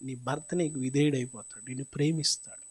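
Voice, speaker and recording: A male pastor with a Telugu accent preaching a sermon, swinging between loud outbursts and quiet murmurs and questioning the congregation. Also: medium pitch, steady tone, quick pace, slightly rough. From South India. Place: church hall.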